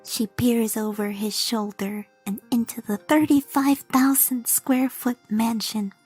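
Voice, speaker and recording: A woman's voice: fairly high pitch, steady tone, measured pace, darkish tone, breathy edge, dry recording, faint music behind. A woman VTuber reading comedic fan fiction aloud, stumbling over lines and correcting herself. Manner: stumbling, self-correcting, laughing reader.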